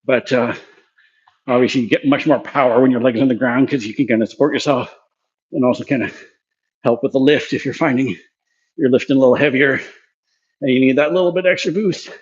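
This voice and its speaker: A man's voice: medium pitch, brisk, pauses often, lo-fi sound. A man casually talking through his gym workout between sets, winded from exercising. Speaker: physiotherapy clinic presenter demonstrating a workout. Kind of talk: casual workout demonstration vlog.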